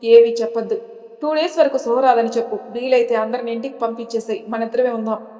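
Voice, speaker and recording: A man's voice: very high-pitched, steady tone, quick pace, mellow. A woman voicing a firm, urgent young man who steadies a frightened friend, read in a storybook narration with long reverb. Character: young man urging courage.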